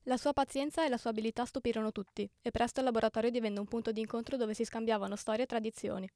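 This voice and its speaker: A woman narrating a storybook tale in a brisk, even manner. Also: on the high side, no room sound, clean studio sound.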